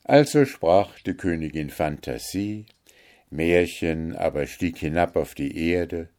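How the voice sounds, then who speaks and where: A man reading an old fairy tale aloud as narrator, measured and unhurried. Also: low voice, darkish tone. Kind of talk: storybook reading.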